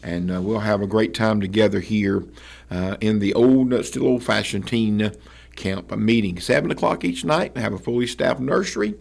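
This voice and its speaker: A man, hosting a church radio broadcast and giving announcements in a folksy, halting way with many fillers and amens. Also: lowish voice, creaky, darkish tone. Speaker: radio host and church pastor.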